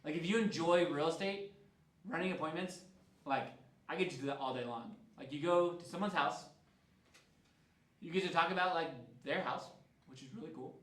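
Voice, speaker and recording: Male trainer, fairly high voice, chatty storyteller, roomy room, mic far off. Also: normal speed, long pauses, a bit bright. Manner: chatty, storytelling, heavy use of "like". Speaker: real estate trainer. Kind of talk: casual classroom training talk.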